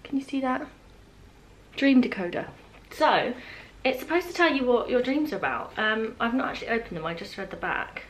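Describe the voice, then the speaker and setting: Indoors in her home's open-plan living room, a British vlogger in her twenties unboxes something while talking informally to the camera and wandering into small asides. She sounds a little high, animated, and speaks at a normal speed.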